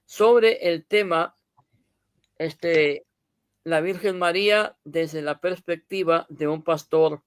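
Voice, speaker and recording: A man's voice: on the high side, clear, resonant tone, dry recording, clean studio sound. A male pastor hosting a live stream, introducing his guest with frequent fillers. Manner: slow, filler-heavy, often says "este". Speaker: pastor and host. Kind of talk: live-stream religious talk.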